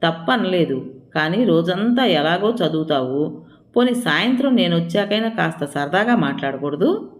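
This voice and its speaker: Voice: mid-range voice, expressive, normal speed, natural voice. A narrator doing an aggrieved husband in an audio story, scolding and sarcastic, grumbling complaints at his wife. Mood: irritated. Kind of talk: audiobook role reading.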